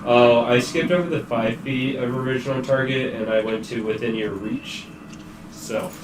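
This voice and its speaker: A man's voice: mid-range voice, fairly even intonation, moderate pace. A man chatting casually and calling his moves as a player in a tabletop role-playing game. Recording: roomy, distant mic, clear background noise.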